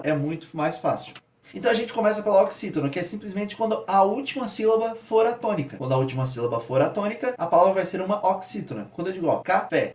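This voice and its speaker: A man with a lilt walks through a grammar lesson at an unhurried, patient pace, stretching example words out slowly. His voice sits a little high for a man. He sounds set back from the mic in an echoey room. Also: a little mellow, recorded from a distance. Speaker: teacher.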